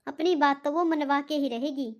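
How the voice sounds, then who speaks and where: A woman's voice: high voice, normal speed, close to an everyday voice. A woman voicing an anxious, pleading middle-aged mother in a cartoon. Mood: worried. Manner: pleading, worried. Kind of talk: cartoon voice acting.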